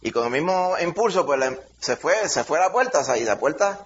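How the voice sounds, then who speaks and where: A middle-aged man with a Dominican accent, a pastor leading a Bible study by telling a lively childhood story with shouted sound effects. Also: on the high side, brisk. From Dominican Republic. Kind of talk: preaching through a personal story. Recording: dull lo-fi sound, faint hiss.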